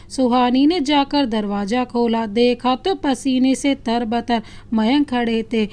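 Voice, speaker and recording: A woman storyteller reading a romantic story aloud in steady, scripted narration. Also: on the high side.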